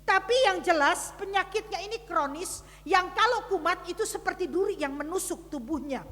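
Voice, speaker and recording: A woman preacher tells a story to her congregation, talking to them directly and swinging from hushed to loud. Her voice is very high and sharply bright. It rings out with the long reverb of a church hall. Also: normal speed. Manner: dramatic storytelling with big swings in loudness. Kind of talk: sermon. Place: church service.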